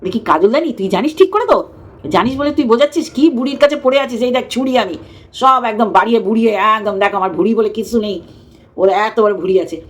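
A woman's voice: a little high, fast. A woman giving a scornful, mocking commentary rant in a casual tone. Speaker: YouTube commentator.

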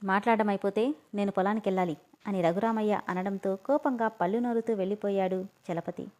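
A woman who tells stories, reading a family drama aloud in a steady, expressive way. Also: mid-range voice, fairly quick. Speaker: storyteller. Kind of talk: scripted story narration.

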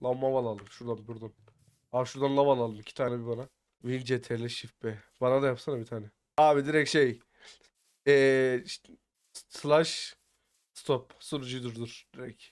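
A man chatting with teammates over voice chat while playing a survival game, slangy and excitable, sometimes muttering quietly and sometimes breaking into shouts. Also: medium pitch, moderate pace. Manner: excitable, slangy, bursts into shouting when attacked; often mutters quiet asides. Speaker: gaming YouTuber. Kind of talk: casual gameplay chat with teammates.

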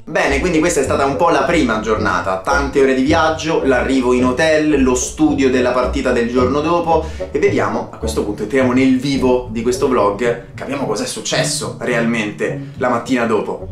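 A man's voice: medium pitch, normal speed, few pauses, a crowd in the background. A young man chatting casually to camera in a joking, talkative vlog style. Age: young adult. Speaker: vlogger and football commentator. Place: indoors in hotel rooms and offices. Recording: roomy indoor echo.

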